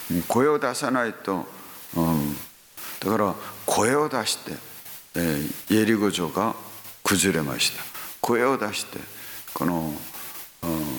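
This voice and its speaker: A man preaching a sermon, talking slowly with frequent hums and sudden rising exclamations. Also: low-pitched, a bit bright. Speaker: pastor. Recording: echoey hall with faint hiss.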